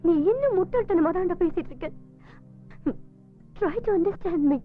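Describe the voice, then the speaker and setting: A woman's voice: very high voice, expressive, unhurried. A woman dubbing a caring but firm single woman in her thirties in film dialogue, speaking emotionally and scolding. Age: 30s. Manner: emotional, scolding then tender. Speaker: dubbing actress. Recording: tinny lo-fi film audio with music score.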